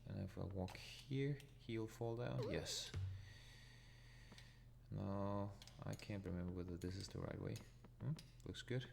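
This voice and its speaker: A Danish man with a Danish accent hosts a retro gaming channel, commenting live as he plays and thinking aloud, chuckling whenever he dies. His voice sits on the low side, gravelly and measured, with music playing underneath.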